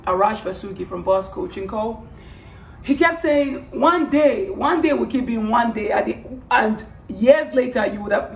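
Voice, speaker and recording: Hoarse, creaky woman with voice giving out. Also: mid-range voice. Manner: earnest, rambling, repeats phrases for emphasis. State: hoarse, losing her voice. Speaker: vlogger. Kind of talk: casual personal testimony vlog. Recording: roomy, distant mic, faint background noise.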